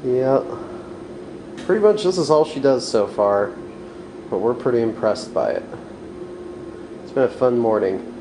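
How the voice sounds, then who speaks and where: A man, a new father in a hospital room, chatting gently and chuckling as he coos over his newborn. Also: mid-range voice, lively intonation, a little slow, long pauses. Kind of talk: casual home video chat. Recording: noisy home video.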